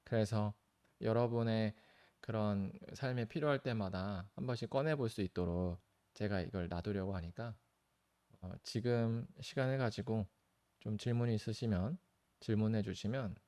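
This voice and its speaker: A man's voice: on the low side, normal speed, dark tone. A male pastor teaching in a live stream and taking viewers' questions, earnest and pleading, with sudden lifts of stress on key words.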